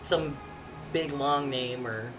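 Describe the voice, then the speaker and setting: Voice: mid-range voice, slow. A player chatting casually at a tabletop game, reacting with questions and short interjections. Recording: music behind.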